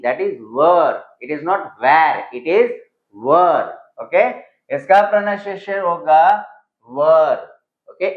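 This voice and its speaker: A man teaching a grammar lesson in a fairly high voice, talking slowly and patiently. He mixes Hindi explanations with English example sentences and spells words out letter by letter. The sound is dull and lo-fi, in an echoey room. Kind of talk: classroom-style grammar lesson.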